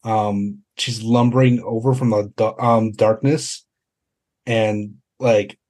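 A man improvising horror narration as a tabletop game master, halting as he searches for words. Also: fairly low pitch, fairly even intonation, a little mellow.

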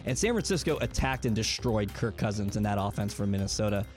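A man co-hosting a casual sports talk show, getting heated and excitable as he talks. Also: on the low side, faint music behind. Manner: fast, heated, excitable delivery.

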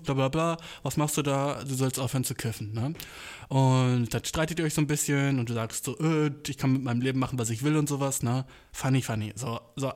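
A man hosting his own podcast, rambling in casual chat, swearing a lot and dropping English slang into his rants. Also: on the high side. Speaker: podcast host.

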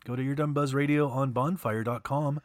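Rambling radio guy, lots of ums, mid pitch, dead dry studio sound. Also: fairly even intonation, a little fast, no echo. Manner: rambling, hesitant, many fillers. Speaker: radio co-host. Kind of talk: casual radio chat.

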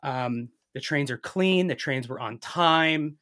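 Speaking slowly in a bright, somewhat high voice, this man is a native English speaker chatting casually as a podcast guest. His telling rambles along like a story.

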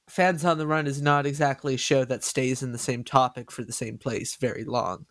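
Excitable nasal-voiced man hosting a podcast. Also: medium pitch, no echo, clean studio sound. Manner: excitable, stumbling over words. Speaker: podcast host. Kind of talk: casual podcast chat.

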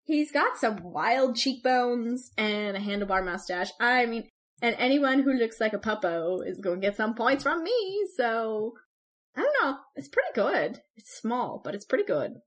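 A woman's voice: on the high side, very animated, a little slow. A woman with a Canadian accent co-hosting a podcast, chatting casually and laughing often. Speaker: podcast co-host. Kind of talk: casual chat, scoring popes.

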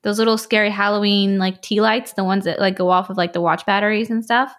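A woman's voice: medium pitch, fairly even intonation, fairly quick, a bit bright. A woman co-hosting a podcast about tabletop games, talking casually and filling her sentences with "like" and "you know". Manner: chatty, lots of "like" and "you know". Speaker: podcast co-host.

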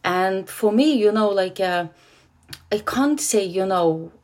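A woman's voice: medium pitch, lively intonation, slow, a little mellow. A woman from Lithuania with a Lithuanian accent, a composer answering interview questions hesitantly and searching for words.

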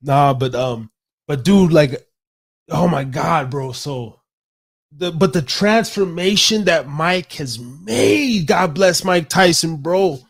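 Rambling excitable man on a late-night podcast. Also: fairly high pitch, takes it slowly, vocal fry. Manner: rambling, excitable, swears freely, says bro a lot. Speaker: podcast host. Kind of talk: late-night casual chat.

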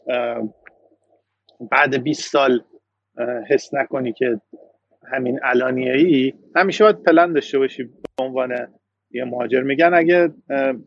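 A man's voice: mid-range voice, gravelly, dry recording, lo-fi sound. A man from Iran, a guest in a casual interview, talking reflectively with frequent hesitations.

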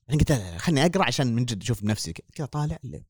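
A man's voice: medium pitch, big pitch swings, very fast, darkish tone, husky, dry recording, studio quality. A man hosting a casual podcast chat, easygoing and moving the talk along. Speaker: podcast host.

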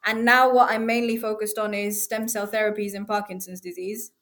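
A woman's voice: mid-range voice, little pitch movement, fairly quick, a bit bright. A woman researcher as a podcast guest, enthusiastic as she explains her work. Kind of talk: casual interview.

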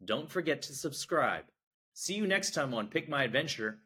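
Male host, crisp bright tone, friendly interview wrap-up. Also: a little high, lively intonation, moderate pace. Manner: friendly, reads outro promos. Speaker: podcast host. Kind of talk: interview hosting and sign-off.

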